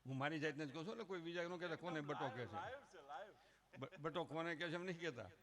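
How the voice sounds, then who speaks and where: A man's voice: a little high, racing, crowd noise. A middle-aged man with a Kathiawadi Gujarati accent, giving a humorous folk talk at a religious gathering, rustic and joking, mimicking villagers before turning earnest.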